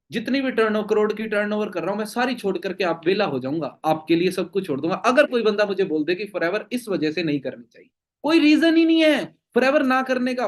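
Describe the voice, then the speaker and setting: A man's voice: sits high, a bit bright. A young man leading a team meeting, answering questions emphatically with rhetorical questions and frequent check-ins. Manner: emphatic, full of rhetorical questions and "theek hai?" tags. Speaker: network marketing team leader.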